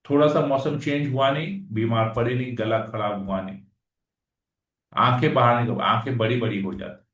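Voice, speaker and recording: Reading Hindi scripture verses aloud before explaining them conversationally, this class speaker has a mid-range, fairly bright voice and talks at a normal speed. The room echoes, and he sits far from the microphone.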